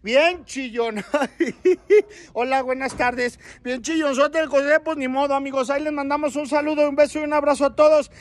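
A man with a Mexican accent, a costumed entertainer shouting jokes and birthday greetings on a neighborhood street. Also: fairly even intonation, fairly quick, hardly any pauses. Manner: shrill, shouting, joking in street slang. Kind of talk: street prank-style greeting vlog.

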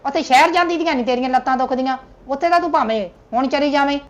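A woman's voice: high-pitched, very fast, natural voice. A woman with a Punjabi accent playing an elderly mother who complains about her son and daughter-in-law. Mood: arguing. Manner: complaining, self-pitying. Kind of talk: family drama acting.

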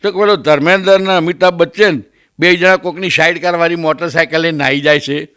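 A man's voice: fast talker, clean tone. A Gujarati-accented male comedian telling a funny story and acting out its characters. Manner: animated, acts out characters with raised pitch. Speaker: stand-up comedian. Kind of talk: comic storytelling. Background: audience laughter.

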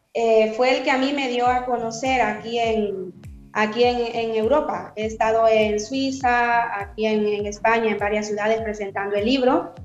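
A Honduran woman in her thirties, an author appearing as a guest in a remote interview, talks from a room in her home in a slightly high voice. She sounds thoughtful and hesitant, filling her speech with fillers and restarts. The audio is dull, and the roomy video call carries faint music.

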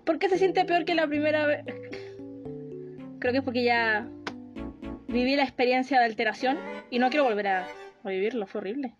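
A woman's voice: sits high, moderate pace, long pauses, lo-fi sound, music in the background. A woman giving casual commentary while playing a horror game, easily frightened, shrieking and laughing nervously.

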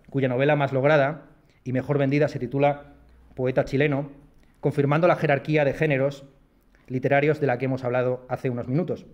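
Brief: man with a Madrid accent, philosopher reading a lecture, dry self-mocking humor, mid-pitched voice. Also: a little mellow. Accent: Madrid Spanish. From Madrid, Spain. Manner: wry, self-deprecating asides. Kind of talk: read-aloud lecture. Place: lecture hall at a university residence.

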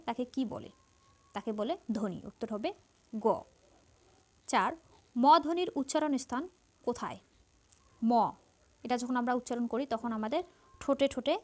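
A woman teacher with a Bangladeshi Bengali accent, steadily reading out numbered quiz questions and explaining each answer. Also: fairly high pitch. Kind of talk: exam-prep lesson, reading quiz answers.

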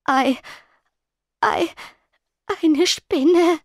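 A woman voicing a shy, nervous teenage ghost girl who speaks softly and stammers. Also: sits high, very slow, no echo, clean studio sound, voice pushed up, exaggerated voice. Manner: soft, stammering, timid.

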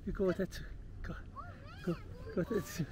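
An older grandparent filming a family day at a lake, talking gently and coaxingly to small grandchildren. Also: medium pitch, steady tone, background noise. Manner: gentle, coaxing talk to small children, slow and chuckling. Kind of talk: casual family chat. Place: outdoors at a lakeshore. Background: background music.

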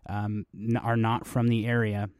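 Low, dark-voiced man hosting a podcast. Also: flat delivery, unhurried, no echo, clean studio sound. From New Mexico. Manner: rambling, conversational, with many fillers and restarts. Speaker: podcast host. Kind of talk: casual podcast monologue.

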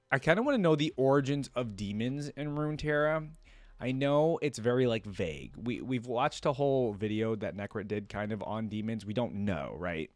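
Sitting close to a desk mic in an indoor room with a gaming chair, a reaction video host in his twenties offers casual commentary and reads story text aloud. His voice is medium-pitched and the recording is dry.

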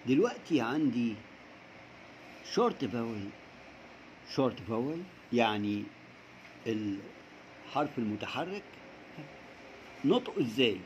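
Egyptian man, english teacher, slow patient drilling, muffled lo-fi sound, faint hiss. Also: mid-range voice, big pitch swings. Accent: Egyptian Arabic. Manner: slow drilling repetition, stretching words. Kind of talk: recorded classroom lesson for young pupils.

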